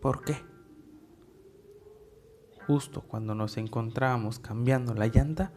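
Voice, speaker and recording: A man narrating a first-person horror story in a measured, deliberate way with dramatic pauses. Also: medium pitch, a little mellow, slight background noise.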